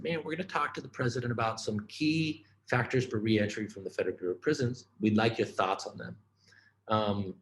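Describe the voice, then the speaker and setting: A man giving a conference keynote, telling his life story in a casual, animated way, often saying "man" and "right?". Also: mid-range voice, roomy sound, slight background noise, rough recording. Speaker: keynote speaker.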